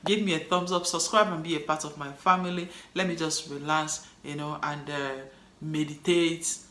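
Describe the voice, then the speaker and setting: A woman's voice: deep voice, steady tone, moderate pace, fairly bright tone. A woman with a Nigerian accent, chatting to camera as a cleaning vlogger, upbeat and encouraging her viewers. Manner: upbeat and encouraging, motivational sign-off. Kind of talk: casual chat to camera. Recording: echoey room.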